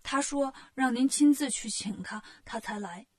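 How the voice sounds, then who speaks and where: Woman doing a slow, deferential messenger. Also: fairly high pitch, husky. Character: deferential male royal messenger.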